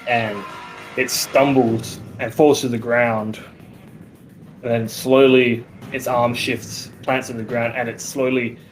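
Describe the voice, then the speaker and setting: A man's voice: medium pitch, little pitch movement, slow pace, soft background music, low-quality recording. A man running a tabletop game as game master, narrating the action and ruling on moves.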